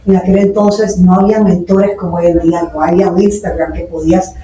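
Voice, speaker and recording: In a lowish, dark voice with fairly even intonation, a woman in her forties from Nicaragua talks fairly quickly during a podcast interview, earnestly relating her story as a guest entrepreneur and using English terms along the way. The room echoes, the mic is distant, and there's slight background noise.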